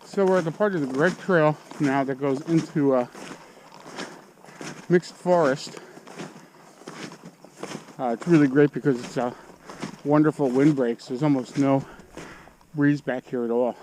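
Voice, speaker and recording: A man's voice: a little high, darkish tone. A man casually narrating his own hike for a trail vlog, speaking outdoors on a snowy mountain. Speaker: hiker narrating own trek. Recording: noisy outdoor audio with wind.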